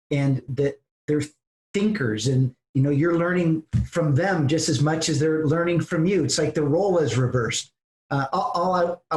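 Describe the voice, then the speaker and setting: A man's voice: medium pitch, darkish tone. A man hosting a podcast interview, wrapping up with earnest, effusive praise for his guest. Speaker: podcast host. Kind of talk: casual interview wrap-up. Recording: echoey room.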